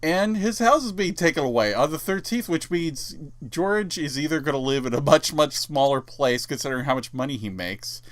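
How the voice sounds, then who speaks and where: A man's voice: fairly high pitch, lively intonation, moderate pace, few pauses. A young man giving rambling, mocking commentary as a vlogger, full of fillers and asides. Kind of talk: casual commentary.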